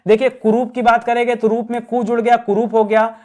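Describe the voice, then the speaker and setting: High-voiced man teaching grammar quiz. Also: level tone, fairly quick, darkish tone. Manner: explanatory, repeats key words, addresses viewers as friends. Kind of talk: exam-prep grammar lesson.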